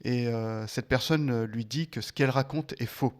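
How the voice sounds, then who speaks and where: A man talking through his reading of a film's story, halting often with fillers and restarts. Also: mid-range voice, darkish tone. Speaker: film discussion guest. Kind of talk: casual spoken film analysis.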